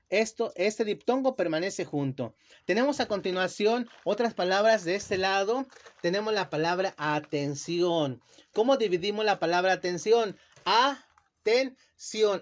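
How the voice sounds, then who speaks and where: A man teaching children a lesson, speaking slowly and carefully and stretching words out syllable by syllable. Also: high-pitched. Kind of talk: classroom lesson explanation. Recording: dull lo-fi sound.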